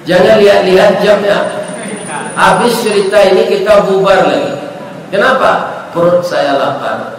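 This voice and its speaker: A man preaching a sermon to a mosque gathering with a Minangkabau-tinged Indonesian accent, telling a story with humor and dropping softly into the prayers of the people in it. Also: high-pitched, normal speed, a crowd in the background. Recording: echoey hall, distant mic, faint noise.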